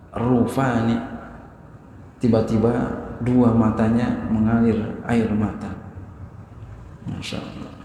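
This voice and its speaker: A male religious teacher giving a study lecture, reading Arabic phrases and then explaining them in a lively, casual way with jokey asides. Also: mid-range voice. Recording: very echoey hall, faint noise.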